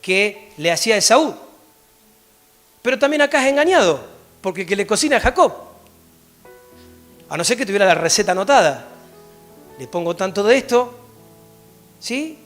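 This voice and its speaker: A man with an Argentine accent preaching a sermon and reading Bible verses aloud, often checking in with a quick "¿sí?". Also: high voice, soft background music. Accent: Argentine Spanish. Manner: animated, often checks in with a rising "¿sí?". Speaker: pastor. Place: church.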